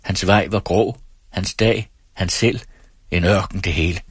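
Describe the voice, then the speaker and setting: A man narrates a novel in a slow, grave, measured reading. His voice is low and husky. The sound is dry and close. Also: fairly even intonation, no room sound. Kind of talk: audiobook reading.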